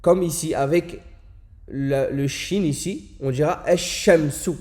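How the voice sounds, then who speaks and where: Patient man with a mellow voice teaching. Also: a little high. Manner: patient, repeats words slowly and stresses sounds. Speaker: Arabic teacher. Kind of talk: explaining a lesson, slow demonstrations of words.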